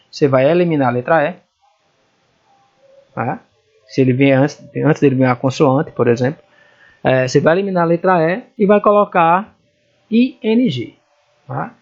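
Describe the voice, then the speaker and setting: A man's voice: a little high, darkish tone, highs cut off. A man teaching English grammar in Portuguese, stopping often to spell English words out letter by letter. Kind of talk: grammar lesson walkthrough.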